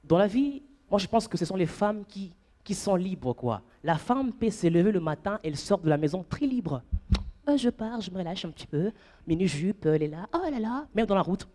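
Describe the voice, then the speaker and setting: A man doing a stand-up comedy set on stage, playful and animated, breaking into falsetto and shouts for gags. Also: moderate pace. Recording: live club with audience.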